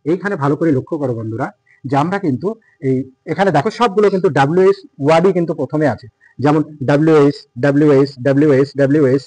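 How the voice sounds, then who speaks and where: A man's voice: a little high, darkish tone, husky, no echo, poor audio. A man teaching an English lesson, patiently repeating words and counting aloud. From India. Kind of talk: classroom lesson explaining pronunciation.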